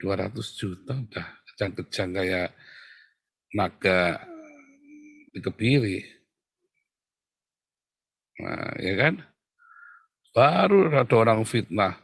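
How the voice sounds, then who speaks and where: Gravelly, husky-voiced male preacher. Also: lowish voice, takes it slowly, pauses often, no room sound. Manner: animated, exclamatory preaching, addresses listeners as "brothers". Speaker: preacher who counsels pastors. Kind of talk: sermon.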